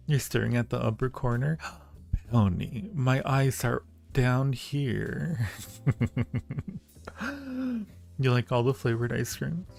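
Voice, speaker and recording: Speaking slowly in a medium-pitched, gravelly, darkish voice, this audio roleplay creator keeps a steady tone and pauses often during his live Q&A. He answers viewers casually, teasing and flirting playfully, as faint music plays behind him.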